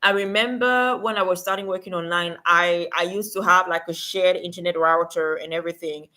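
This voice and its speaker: Woman livestream host from Cameroon, conversational with fillers, bright sound. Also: lowish voice, fairly even intonation, brisk. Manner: chatty, many fillers, talks to viewers in chat. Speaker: livestream host and remote work coach. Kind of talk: casual livestream advice.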